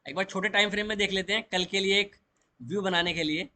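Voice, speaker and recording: Bright-voiced man teaching chart trading. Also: sits high, quick pace. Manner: explains step by step, mixing English trading terms into Hindi. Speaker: stock market trading educator. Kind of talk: chart walkthrough lesson.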